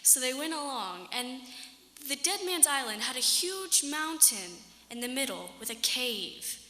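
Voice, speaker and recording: A woman narrating a tall tale on stage in a halting, improvised-sounding way, in an echoey hall. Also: sits high, sing-song, bright, forceful tone. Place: indoor hall at a storytelling contest.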